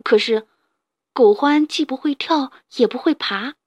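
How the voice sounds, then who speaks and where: A woman narrating a children's bedtime story in a gentle, expressive reading voice, pitched fairly high. The recording is dry and close, with no room sound. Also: measured pace, dry recording, lo-fi sound.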